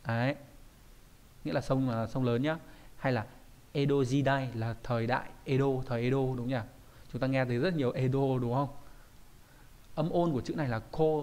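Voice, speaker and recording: A man's voice: mid-range voice, darkish tone. Patient man explaining like a teacher. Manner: explains patiently, often checks with listeners. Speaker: Japanese kanji teacher. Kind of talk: explanatory online lesson.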